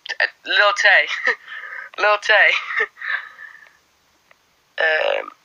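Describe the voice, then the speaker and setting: Extremely slowly and with vocal fry, a young livestreamer whose Irish accent has mostly faded rambles through viewer comments, um-ing and restarting often. He holds a phone close in a small room; his voice sits a little high and comes across very bright and forward, with the highs cut off.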